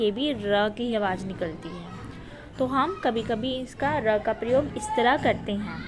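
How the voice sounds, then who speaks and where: A woman teacher giving a recorded lesson to young children, speaking slowly and patiently and repeating words for the pupils. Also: a little high.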